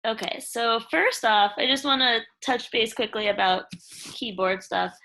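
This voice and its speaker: The audio is poor as a woman teacher in elementary school, her voice fairly high, bright and forceful, unhurriedly guides students through a screen-shared lesson one step at a time, addressing them casually as "you guys."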